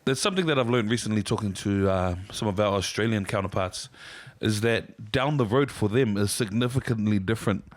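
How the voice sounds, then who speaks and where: A man's voice: lowish voice, a little fast, few pauses. A man hosting a casual chat and asking plenty of questions. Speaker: host.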